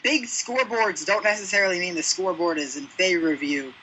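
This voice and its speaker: A young man co-hosting a casual sports podcast, chatty and quick with jokes and side remarks. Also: high voice, bright, forceful tone, slight background noise, poor audio. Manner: chatty, jokey interjections. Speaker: podcast co-host.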